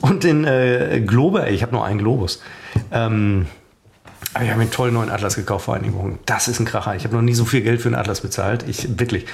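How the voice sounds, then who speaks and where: A man's voice: medium pitch, fast, gravelly, slight background noise. A man co-hosting a podcast, running silly quiz games in playful banter with a mock-serious showman manner. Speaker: podcast co-host.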